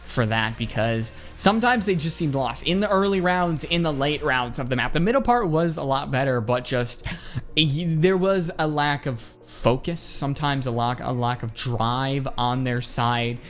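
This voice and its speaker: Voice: mid-range voice, normal speed. Esports desk host talking over music. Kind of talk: conversational match analysis.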